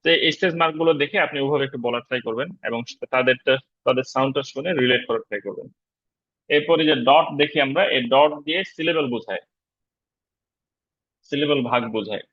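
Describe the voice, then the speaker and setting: Man, online lesson, relaxed explainer, frequent fillers, lo-fi, dry. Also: medium pitch, fast talker, no room sound. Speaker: English teacher. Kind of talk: online lecture on pronunciation. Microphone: video call.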